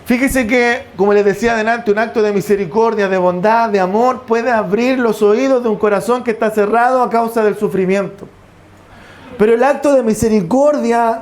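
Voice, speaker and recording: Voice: medium pitch, darkish tone. A preacher delivering a sermon in a church service. The preacher reads scripture aloud, asks the congregation questions, and repeats stock phrases of praise.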